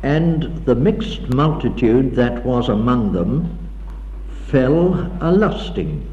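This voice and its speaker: On an old 1960s tape, a man reads scripture in a slow, mellow voice that swings widely in pitch as he declaims. The sound is dull and echoes with a long hall reverb. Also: big pitch swings, a little hiss or hum. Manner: dramatic, declaiming reading of scripture. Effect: old 1960s tape recording. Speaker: preacher. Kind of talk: sermon with scripture reading. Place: lecture hall.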